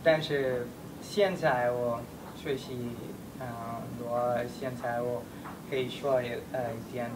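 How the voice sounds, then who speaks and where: A man's voice: little pitch movement, takes it slowly. A man in his twenties, a foreigner speaking simple non-native Mandarin with a foreign accent, hesitant and in broken phrases. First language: not Mandarin. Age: 20s. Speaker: learner of Chinese. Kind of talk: casual conversation in simple Mandarin. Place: small indoor room, seated on a sofa. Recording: distant mic, noisy rumbling room.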